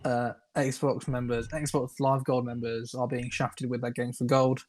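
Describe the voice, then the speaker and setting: A young man co-hosting a casual chat podcast, sarcastic and mock-excited. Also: mid-range voice, measured pace. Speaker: podcast co-host.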